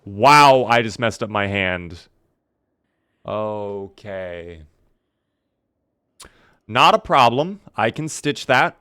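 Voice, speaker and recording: Clear-voiced man live-streaming a video game. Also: on the low side, animated, very slow, pauses often, bright, forceful tone, no echo, studio quality. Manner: wry, mock-dramatic, talking to viewers as a team. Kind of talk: casual live game commentary, chatting with viewers.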